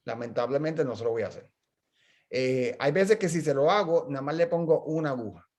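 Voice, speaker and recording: A middle-aged man with a somewhat high-pitched voice speaks as a physical therapist in a casual journal club chat. He tells stories and explains clinical points, often backing up and restarting his sentences. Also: brisk, a little mellow. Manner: chatty storyteller, explains with frequent restarts.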